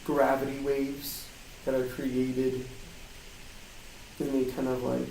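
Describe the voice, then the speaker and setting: Speaking at medium pitch in a gravelly, dark monotone, a man describes his game audio design work during an interview, haltingly and without much structure. The setting is a small hard-walled office in a co-working space. The mic is distant, catching faint noise and a roomy, metallic flutter echo.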